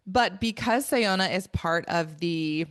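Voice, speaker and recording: A woman co-hosts a casual book podcast, working through her points thoughtfully and with emphasis, leaning on fillers as she goes. Her voice sits somewhat low. The sound is dry and close, with no room around it. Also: takes it slowly, dry recording. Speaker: podcast co-host.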